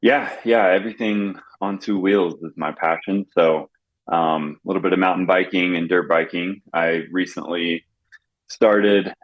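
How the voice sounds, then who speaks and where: Guest, thirties, male, very low voice, relaxed filler-heavy chat, muffled dry audio. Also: unhurried, no echo. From Southwest United States. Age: 30s. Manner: easygoing, with fillers. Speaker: podcast guest. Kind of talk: casual interview chat.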